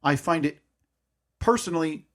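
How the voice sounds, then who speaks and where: A thirty-something man co-hosting a podcast tells a casual story, rambling, hesitating and correcting himself repeatedly. He sounds fairly high-pitched, animated and a bit bright, at a normal speed.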